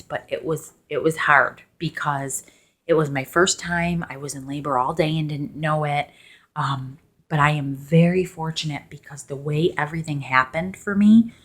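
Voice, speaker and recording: A young woman telling a personal story in a soft-spoken, sort of ASMR vlog style, chatty and full of "like" and "um". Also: deep voice. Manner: chatty, lots of "like" and "um", hushed in places. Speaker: vlogger.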